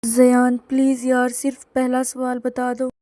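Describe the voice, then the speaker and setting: A woman's voice: fairly high pitch, little pitch movement, mellow, dry recording, natural voice. A woman voicing a schoolboy who pleads with his friend, with a dry, close sound. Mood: pleading. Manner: pleading then sulky. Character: schoolboy who begs to cheat, sulky.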